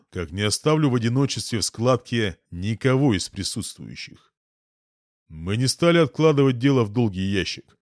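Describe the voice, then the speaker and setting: Low-voiced man narrating a fantasy audiobook. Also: dry recording, clean studio sound. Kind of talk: first-person fantasy novel narration.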